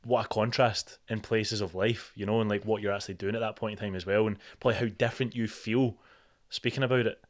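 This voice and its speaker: A man's voice: lowish voice, fairly even intonation, fast talker, few pauses. A man, hosting a podcast in casual, rambling chat full of fillers. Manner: rambling, full of "like" and "you know". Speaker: podcast host.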